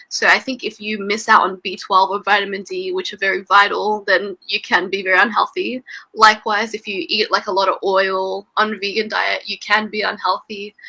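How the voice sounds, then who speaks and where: Chatty young Australian woman tutor on a video call, bright and a bit gravelly. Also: medium pitch. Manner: chatty, laughs often, many fillers. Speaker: English tutor. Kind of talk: casual online lesson chat.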